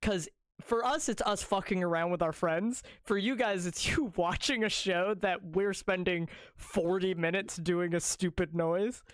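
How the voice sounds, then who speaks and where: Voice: medium pitch, a little slow, dry recording, studio quality. A host of a streamed talk show chatting casually, often laughing and restarting sentences. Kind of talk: casual chat.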